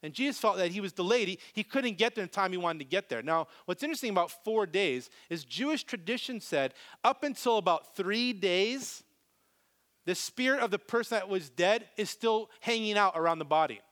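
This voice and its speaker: A pastor preaching a live sermon with a higher-than-usual voice. He is animated, pushing some lines out loud and dropping others to a hush. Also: brisk. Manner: animated, swings from loud to very soft.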